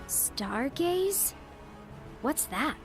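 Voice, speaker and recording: An actress playing a blunt, sharp-tongued young female rebel leader. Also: high voice, big pitch swings, very slow, music in the background, full character voice.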